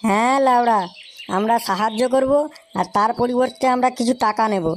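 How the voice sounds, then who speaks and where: A woman's voice: on the high side, fairly even intonation, lightly acted. A woman doing a brash cursing cartoon lad. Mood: scheming. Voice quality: crude, swaggering, quick to threaten. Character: brash foul-mouthed young man, club leader. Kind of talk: cartoon voice acting.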